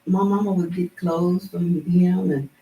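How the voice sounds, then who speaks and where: A woman's voice: on the low side, steady tone, unhurried. An older woman, rambling through memories at a community meeting, often restarting her sentences. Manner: rambling, with frequent restarts and chuckles. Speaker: elder at a community heritage meeting. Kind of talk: casual reminiscing in a group. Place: indoor meeting room. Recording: roomy, from far off, faint background noise.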